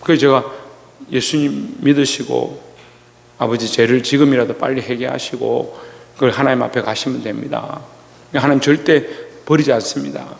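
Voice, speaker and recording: A male pastor giving a Sunday sermon, telling a personal story slowly with many pauses and restarts. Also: medium pitch, fairly even intonation, creaky, in a large hall. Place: church sanctuary.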